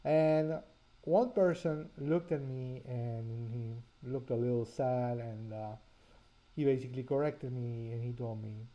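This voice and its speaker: Spanish-accented man with a dark voice. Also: mid-range voice, steady tone, rough recording. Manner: earnest storyteller, pauses with fillers. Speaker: author and course presenter. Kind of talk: personal story in a language lesson.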